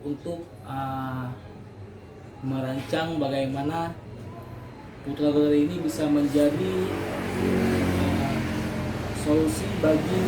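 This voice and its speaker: Male business owner, formal and hesitant promo statement, off-mic in a roomy, very noisy space. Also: on the high side. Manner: halting, formal, with frequent hesitations. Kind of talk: semi-prepared promotional interview statement. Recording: echoey, distant mic, loud ambient noise.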